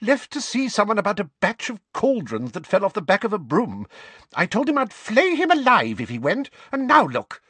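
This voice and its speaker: A frantic old woman shrieks and scolds in a high, shrill voice, as a male storyteller puts her on. She fusses breathlessly, her pitch leaping all over. The sound is close and dry. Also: wildly swooping pitch, moderate pace, sharp tone, slightly rough, no echo, heavily acted. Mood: frantic scolding.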